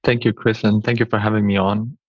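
Deep-voiced guy, 30s, explaining things w some uhs, dry dull sound. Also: level tone, a little fast, no room sound. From Denmark. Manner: explanatory, with fillers. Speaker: guest expert. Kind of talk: interview answers.

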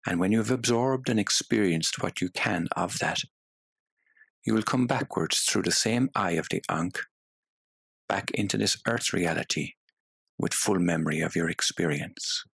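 A man guides a meditation in a very low, husky voice with plenty of gravel in it. He speaks softly and hypnotically and leaves long pauses between phrases. The sound is close and completely dry. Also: dry recording.

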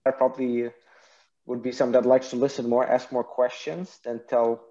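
Mellow-voiced man from Iraq. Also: mid-range voice, little pitch movement, normal speed, lo-fi sound. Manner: thoughtful, hesitant, many restarts and fillers. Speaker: guest, partnerships and marketing executive. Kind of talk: casual interview answers.

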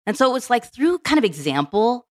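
A middle-aged woman telling stories as a podcast guest, acting out quoted dialogue as she goes. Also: a little high. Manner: fast, animated storytelling with quoted dialogue. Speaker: guest, program management director. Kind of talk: storytelling in a podcast interview.

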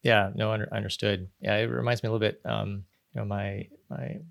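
Low gravelly male podcast host. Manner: relaxed, halting, repeats words. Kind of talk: casual interview chat.

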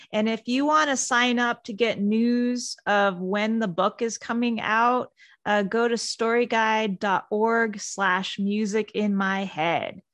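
A woman guest, a holistic coach and author, speaking in a halting, reflective way with many fillers. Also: fairly high pitch, fairly bright tone, no echo. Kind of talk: casual interview chat.

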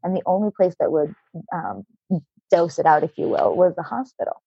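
A woman spins a long personal story in a relaxed interview, animated and quick to laugh as she acts out the voices of people she quotes. Her voice has a slightly husky edge. The recording is dull and dry. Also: lowish voice, no room sound. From Alaska. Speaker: guest.

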